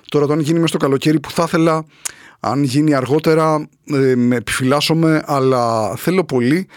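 A male comedian giving a satirical monologue, sarcastic and animated in the jokes and chatty and relaxed when he turns to show announcements. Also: medium pitch, no room sound, clean studio sound.

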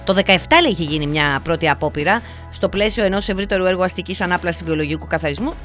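A man's voice: sits high, a bit bright, faint music behind. A man hosting a radio show, teasing his co-host in casual chat and reading out news items with a wry edge.

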